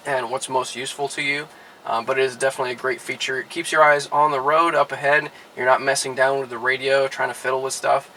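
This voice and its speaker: Sitting inside a car, a man who works as a dealership product specialist walks through a laid-back how-to demo full of "uh" and "all right" fillers. His voice is mid-range, and the poor audio carries a little hiss or hum.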